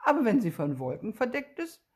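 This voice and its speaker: Woman reading as a bouncy little vampire boy, husky and eager, storybook part. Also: on the high side, fairly quick, voice pushed up. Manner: excited, bouncy. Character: eager, lonely young male vampire boy.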